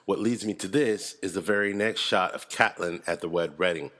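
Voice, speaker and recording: A man with a deep, low-pitched voice talks through scenes in a casual video breakdown. He sounds animated and informal, dropping curse words and small laughs as he goes. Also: fairly quick. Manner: animated, swears casually, chuckles. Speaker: video creator analyzing a TV series.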